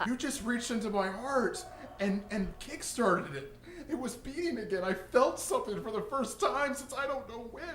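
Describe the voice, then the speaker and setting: A man co-hosting a comedy podcast, halting and mock-sincere. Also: very high-pitched, animated, a bit bright, slight background noise. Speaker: podcast co-host. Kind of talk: improvised comedy podcast banter.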